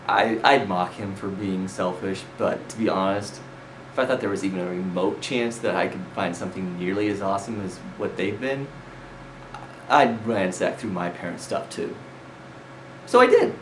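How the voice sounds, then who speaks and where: A man's voice: low-pitched, moderate pace, a little hiss or hum, rough recording. A man giving candid, self-deprecating commentary on a comic. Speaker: comic reviewer. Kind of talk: personal commentary.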